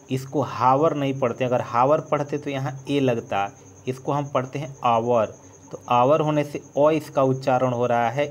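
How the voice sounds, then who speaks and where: A man teaching an English lesson, spelling words out letter by letter as he writes and trailing off softly. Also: mid-range voice. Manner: dictates letter by letter, trails off softly while writing. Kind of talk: slow board-writing lesson, spelling out words.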